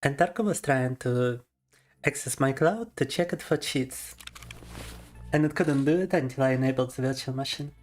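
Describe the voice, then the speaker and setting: A man's voice: mid-range voice, normal speed, darkish tone. A man and native Russian speaker chatting casually on a gaming livestream, laughing often and explaining things to viewers as he plays, into a desk microphone.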